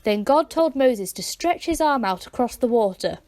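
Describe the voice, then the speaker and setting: A woman narrating a children's Bible story with dramatic, expressive delivery. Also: fairly high pitch, normal speed, dry recording.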